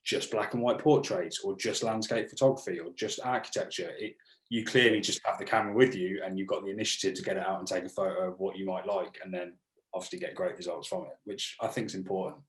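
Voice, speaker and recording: A man's voice: deep voice, fairly even intonation, quick pace. A man hosting a casual interview, asking long, eager, rambling questions and restarting often. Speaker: podcast host. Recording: roomy echo.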